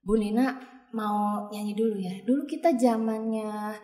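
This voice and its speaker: A woman's voice: mid-range voice, fairly even intonation, measured pace, warm tone. A woman hosting a casual school podcast, playful and teasing with her guests. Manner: playful and teasing, with bits of sung lines. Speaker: podcast host and teacher. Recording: long room reverb.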